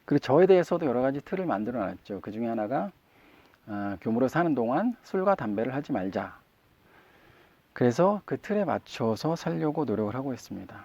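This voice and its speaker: A man's voice: medium pitch, very animated, a little fast, mellow, no room sound. A man, a Won Buddhist minister, giving a conversational sermon and asking his listeners questions. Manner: conversational, asks the congregation questions. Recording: muffled dry recording.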